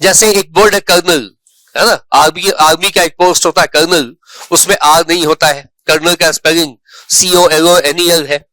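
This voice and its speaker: With a somewhat high, steady, sharp voice on a dry recording, an English teacher leads an online spelling lesson. His explanations are slow, he says example words more than once, and he keeps checking in with "right."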